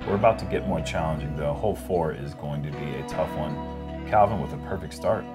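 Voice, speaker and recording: A man's voice: very deep voice, fairly quick, loud music behind the voice. A man doing casual play-by-play commentary on disc golf.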